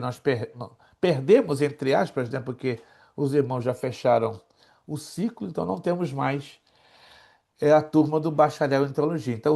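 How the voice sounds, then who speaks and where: A jovial pastor in his sixties teaches a theology lesson. His voice is gravelly and sits a little high for a man. He likes to tease his students and keeps throwing questions at the class. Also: a little mellow. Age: 60s. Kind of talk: classroom lecture.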